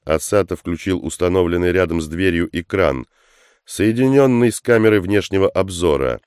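A man with a very deep, smooth, resonant voice narrates an action story. His reading is measured and steady. The sound is close and dry, with no room around it. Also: no echo. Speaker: audiobook narrator. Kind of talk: scripted narration.

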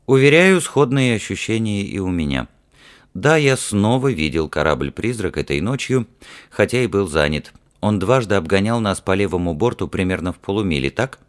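A man's voice: deep voice, expressive, moderate pace. A man reading an audiobook, voicing a serious, plain-spoken ship's officer who is tired after a hard night. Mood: earnest. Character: earnest, weary male ship's officer and mage.

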